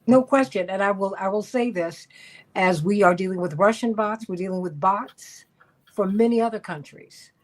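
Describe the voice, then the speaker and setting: A woman's voice: mid-range voice, moderate pace, darkish tone. A woman hosting a radio panel talk show who speaks emphatically and repeats words for stress. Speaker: host.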